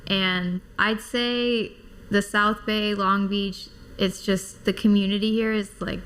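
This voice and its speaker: A woman's voice: mid-range voice, fairly even intonation, slow pace, fairly bright tone. A woman in her thirties from Iowa, a guest on a podcast, talking casually and peppering her speech with "like.". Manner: casual, lots of "like" fillers. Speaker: guest, construction company owner. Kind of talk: casual interview chat.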